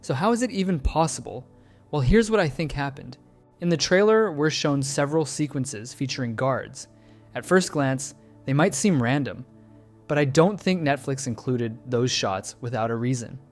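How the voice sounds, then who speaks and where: A man narrates a scripted video essay in a measured, analytical way, often pausing on a question before answering it. His voice sits at an ordinary middle pitch. Faint music plays beneath him. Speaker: channel host breaking down a trailer.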